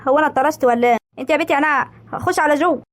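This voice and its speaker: A woman voicing a brash village girl, rapid and shrill. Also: lightly acted. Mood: mock offended. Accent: Egyptian. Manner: loud, mocking, theatrical complaining. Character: brash plump young village woman, loud and teasing. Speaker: cartoon character. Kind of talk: animated comedy voice acting.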